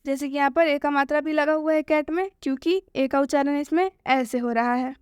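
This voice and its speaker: A woman with a high voice teaches pronunciation. She asks a question, answers it herself, and repeats each point. The recording is dry and close. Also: fairly even intonation, fairly quick, no echo. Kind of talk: explanatory lesson.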